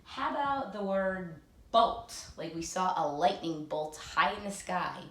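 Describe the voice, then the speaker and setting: A woman teaching a recorded phonics lesson for children, leading clear, sing-song drills that she has the listener echo. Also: fairly low pitch, unhurried. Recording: echoey room.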